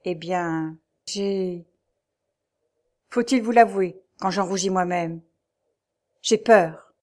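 A woman voicing a haunted middle-aged nobleman who speaks in a sombre, halting way, in an audiobook reading. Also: fairly low pitch, darkish tone. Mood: grave.

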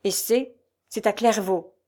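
A woman reading the part of an earnest captain, measured and persuasive, in a storybook reading. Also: mid-range voice, a little mellow. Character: man, earnest steady captain.

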